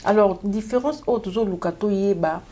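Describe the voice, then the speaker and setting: Woman interviewer, warm tone, encouraging manner. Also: mid-range voice, normal speed. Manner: encouraging, frequent short affirmations. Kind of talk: casual interview, mixing Lingala and French.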